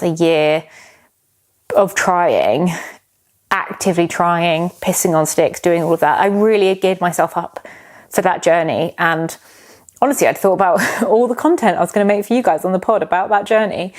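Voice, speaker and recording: A British woman in her thirties, hosting a solo podcast and telling a personal story in a candid, rambling way, sometimes teary. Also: on the low side. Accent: British English. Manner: rambling, candid, swears casually. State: emotional, tearing up. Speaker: podcast host.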